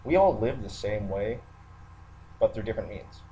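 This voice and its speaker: Thinking aloud with some hesitation, a military man gives a matter-of-fact, unscripted rant to his online video listeners. His fairly low, mellow voice has lively intonation and moves at normal speed. Poor audio, background noise and a roommate nearby round out the clip.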